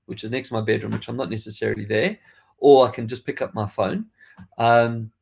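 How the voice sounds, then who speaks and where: A man from South Africa hosts a casual tech podcast, his accent faded, talking in a chatty, rambling way with frequent restarts. His voice sits on the low side and is brisk, creaky, a little mellow, and slightly rough.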